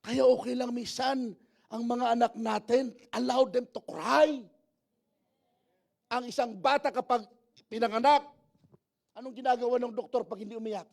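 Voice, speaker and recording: A male pastor preaching a sermon. He calls to the congregation for amens and moves between soft asides and loud, emphatic lines. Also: extremely high pitch, fairly even intonation, moderate pace, creaky, pauses often.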